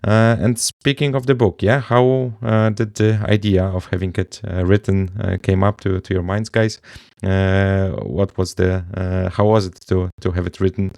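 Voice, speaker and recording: A man hosts a podcast interview, talking in a low, gravelly voice. He speaks haltingly, with many fillers. His voice sounds dry and close. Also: little pitch movement, a little mellow, no echo. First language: Polish. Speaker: podcast host. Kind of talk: casual interview hosting.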